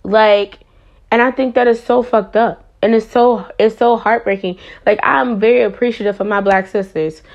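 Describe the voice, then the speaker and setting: A woman's voice: fairly high pitch, fairly even intonation, moderate pace, creaky. Young woman, candid vlog monologue, impassioned and blunt, curses freely; slightly muffled lo-fi audio.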